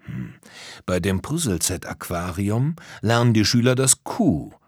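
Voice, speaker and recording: A clever little storybook hero who talks slowly and knowingly, mulling each clue aloud, as a male narrator voices him. The voice is a touch husky, recorded dry and close. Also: lowish voice, big pitch swings, a little mellow, no room sound, heavily acted. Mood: thoughtful. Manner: slow and thoughtful. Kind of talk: storybook character voice.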